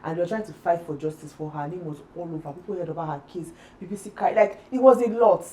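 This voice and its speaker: A woman's voice: on the low side, fast, dark tone, rough recording. A young woman from Nigeria co-hosting a casual podcast chat, talking with heated emphasis. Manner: impassioned, emphatic. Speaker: podcast co-host.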